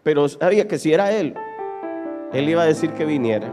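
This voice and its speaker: A pastor with a high, ringing voice preaches an animated, dramatic sermon, throwing questions at his congregation. His voice carries a long reverb through the church hall. Keyboard music plays clearly underneath. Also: brisk. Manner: animated, dramatic preaching, acts out Bible quotes.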